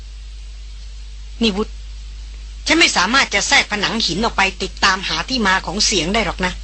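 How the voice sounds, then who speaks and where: A woman reading a novel aloud, voicing an excited young female chemist who talks breathlessly and insistently. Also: mid-range voice, unhurried, a little hiss or hum.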